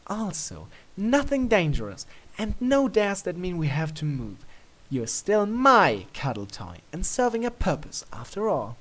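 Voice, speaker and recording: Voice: mid-range voice, wildly swooping pitch, measured pace, pitched above the performer's own voice, low-quality recording. A narrator voicing a female pony princess in a story reading, playful, smug and flirty, with a coy regal manner. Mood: playful, bossy.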